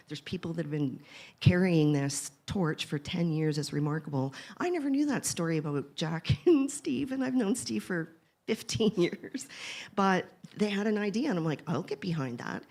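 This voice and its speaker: A woman's voice: low-pitched, a little mellow. A woman from Saskatoon speaking on a live conference panel, chatty and emotional, laughing often as she talks about building a community. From Canada (Saskatoon). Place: conference stage, live audience.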